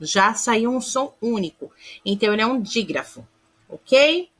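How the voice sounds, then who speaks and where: A primary school teacher gives a recorded grammar lesson in an expressive, slightly bright voice that sits on the high side and moves a little slowly. She affectionately calls her pupils "amores," pronounces words syllable by syllable, and asks checking questions.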